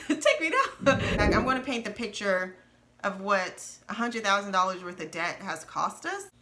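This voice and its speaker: A woman's voice: mid-range voice, expressive, moderate pace, noisy background. A woman in her thirties talking candidly and earnestly in a casual conversation about money and marriage. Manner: earnest, candid, laughs nervously at times. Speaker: co-host of a personal finance channel.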